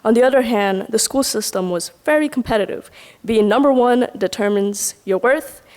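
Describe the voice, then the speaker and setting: A woman's voice: fairly high pitch, moderate pace, darkish tone. A young woman from Guyana, a student, reading a prepared personal speech at a summit in an earnest, reflective way. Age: young adult. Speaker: student speaker. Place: lecture hall at a summit.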